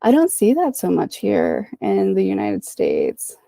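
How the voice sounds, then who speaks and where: A woman's voice: mid-range voice, wildly swooping pitch, unhurried, vocal fry, warm tone, no room sound. A woman in her thirties from the Republic, speaking reflectively as a guest psychologist in a podcast interview. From Dominican Republic. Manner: reflective, often adds "right?" and "you know".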